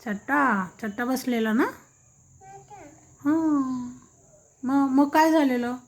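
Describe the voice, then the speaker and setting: High-voiced woman coaxing a toddler. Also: slow pace. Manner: coaxing, repeats prompts in baby talk. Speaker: family member coaxing a toddler to talk. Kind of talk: home video talk to a baby. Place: indoors at home.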